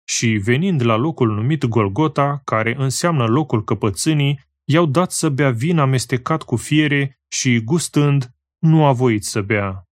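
A man reading scripture aloud in a solemn, slow and measured way, pausing phrase by phrase. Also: mid-range voice, dry recording. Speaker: scripture reader.

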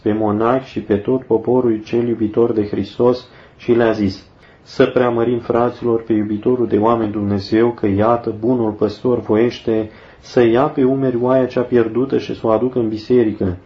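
A man giving a solemn, measured devotional reading of a saint's life, slowing down for the prayers. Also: mid-range voice, level tone. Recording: dull lo-fi recording.

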